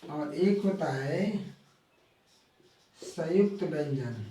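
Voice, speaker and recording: A man with a fairly high voice teaches a live grammar lesson, repeating each key term and drawing out the example sounds. He stands back from the mic, and the sound rings in a very echoey room. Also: animated, very slow, dark tone, far from the mic.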